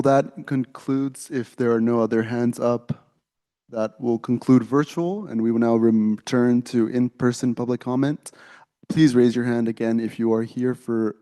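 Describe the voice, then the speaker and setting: A man chairing a student council meeting, calling speakers in a relaxed, procedural way. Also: medium pitch.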